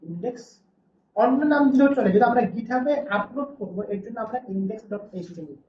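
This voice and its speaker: A woman's voice: a little high, expressive, fast, a little hiss or hum. A woman teaching a classroom lesson, often asking the class a question and then answering it herself. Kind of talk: classroom lecture. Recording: distant, dull, roomy classroom recording.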